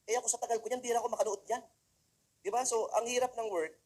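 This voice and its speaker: A man's voice: very high voice, fairly even intonation, fast, darkish tone. A man from the Philippines giving a humorous talk to students, telling comic stories and speaking straight to the audience. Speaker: motivational speaker.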